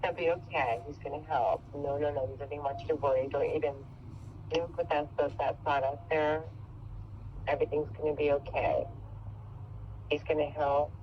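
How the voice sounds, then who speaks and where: A man's voice: a little high, fairly even intonation, normal speed. A man working as a medium, talking earnestly and reassuringly in a casual spoken reading full of "like". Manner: earnest, reassuring, relays messages with frequent "like". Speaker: psychic medium. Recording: dull lo-fi audio with faint noise.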